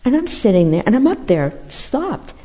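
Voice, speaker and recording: A woman's voice: a little high, big pitch swings, normal speed, dark tone. A woman leading a Sunday service in a large church, giving an informal, conversational sermon full of self-deprecating stories.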